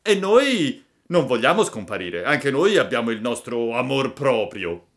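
A man's voice: mid-range voice, big pitch swings, a little slow, a bit bright, pitched above the performer's own voice. A man voicing a gang of bullying schoolboys in a storybook reading, taunting and threatening.

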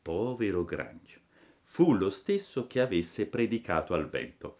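A man calmly reading a classic children's story aloud as narrator. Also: sits low, unhurried.

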